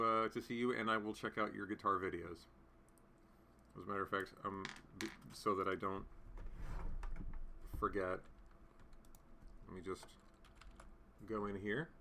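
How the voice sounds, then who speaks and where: A man in his late thirties hosts a casual livestream chat from home, answering comments in a rambling way with lots of fillers and restarts. His voice is on the low side with a sharp tone, and there is slight background noise.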